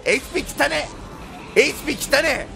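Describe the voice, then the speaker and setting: A man commentating a video game in an excitable, loud, teasing way. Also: extremely high pitch, brisk, gravelly, crowd noise. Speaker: let's play commentator. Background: loud game music.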